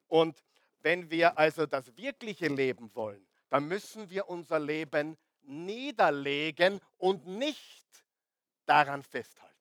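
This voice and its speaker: A middle-aged man preaching a lively sermon to a congregation, often asking the crowd questions and swinging between loud and soft. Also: a little high, no room sound. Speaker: pastor.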